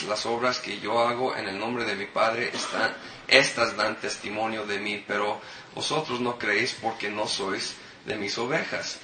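A man's voice: mid-range voice, sharp tone. Man, pastor, sermon, questions to congregation, distant mic, roomy. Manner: explains scripture with questions to the congregation. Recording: echoey hall from far off with noise.

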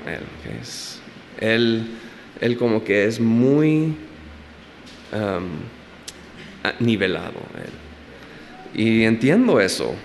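Guy giving a sermon, chatty, acts out little quotes, big reverby hall with faint room noise. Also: medium pitch. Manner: conversational, acts out quoted voices, self-deprecating asides. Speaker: preacher.

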